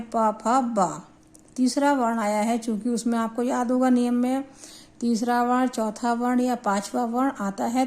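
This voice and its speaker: A woman teaching a Hindi grammar lesson, explaining slowly and deliberately and spelling out syllables for her students. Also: fairly high pitch.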